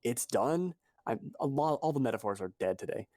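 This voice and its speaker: A man's voice: mid-range voice, animated, normal speed, dark tone, no room sound, clean studio sound. A man co-hosting a podcast in casual chat, rambling and correcting himself as he goes. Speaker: podcast co-host.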